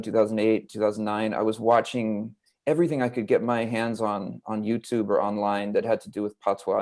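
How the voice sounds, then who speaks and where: Low-voiced American man telling stories. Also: darkish tone. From Los Angeles, United States. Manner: rambling, reflective storytelling. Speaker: guest author. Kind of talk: casual interview chat.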